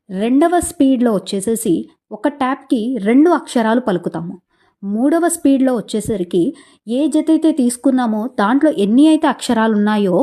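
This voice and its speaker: Slow dance teacher reciting beats. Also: female voice, on the high side, dark tone. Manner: slow, patient explaining with rhythmic syllable recitation. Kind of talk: instructional talk.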